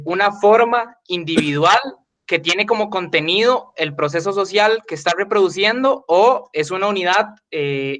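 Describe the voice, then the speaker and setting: A man's voice: high voice, a bit bright. A male student asking a hesitant question in an online seminar, his voice faint because his mic is held too far away. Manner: hesitant, many fillers. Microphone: distant mic on a video call.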